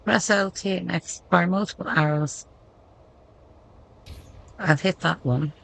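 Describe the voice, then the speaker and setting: A woman talks through her gameplay at a slow, easy pace, reading menu text aloud as she thinks. Her voice is bright and tense, with a gravelly fry underneath. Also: on the low side, a little hiss or hum, low-quality recording. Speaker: gameplay commentator. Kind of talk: casual gameplay commentary.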